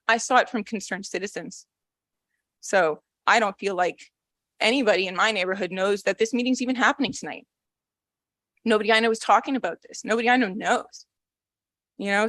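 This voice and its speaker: At a public hearing in a council chamber, a young Canadian woman gives a public comment that is nervous yet blunt and frustrated. Her voice is mid-range and fairly bright, with no echo.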